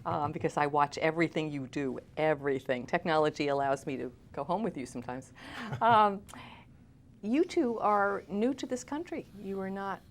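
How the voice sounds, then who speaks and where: Chatty, teasing woman host, lowish voice. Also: normal speed, slight background noise. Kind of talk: live TV election night interview.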